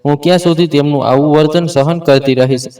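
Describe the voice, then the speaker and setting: A man's voice: a little high, steady tone, fast, warm tone, recorded from a distance, lightly acted. A man voicing a resentful young wife who complains about her mother-in-law. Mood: aggrieved. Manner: complaining, defensive. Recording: voice set back from the mic.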